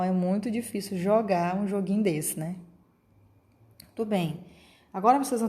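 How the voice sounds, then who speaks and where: A woman's voice: medium pitch, warm tone. A woman teacher, giving a lesson to children and checking in often with short questions. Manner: patient, explanatory, checks in with "tá?" and "ok?". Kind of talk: remote class lesson for children.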